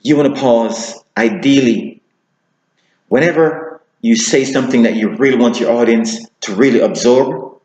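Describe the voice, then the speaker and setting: A man teaching public speaking, talking to camera and deliberately shifting his pace, slowing down for emphasis. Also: medium pitch, darkish tone, reverberant, rough recording. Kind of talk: instructional talk to camera.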